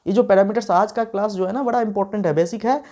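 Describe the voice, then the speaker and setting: Animated, playful male physics teacher. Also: high voice, fast. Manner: animated, swings between soft and loud speech; playful, teases students. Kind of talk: online class lecture. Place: home at night.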